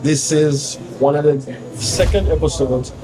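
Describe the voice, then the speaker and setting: A man's voice: a little high, a little slow, rough recording. A man hosting a casual podcast interview, asking curious, upbeat questions. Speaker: podcast host. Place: café. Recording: crowd chatter behind. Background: café crowd chatter.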